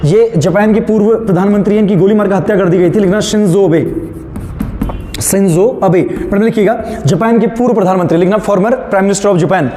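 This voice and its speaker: A male teacher dictating notes to students, repeating phrases, slowing down for them and asking check questions that he answers himself. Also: high-pitched, warm tone, soft background music. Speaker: current affairs teacher. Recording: echoey room, faint background noise.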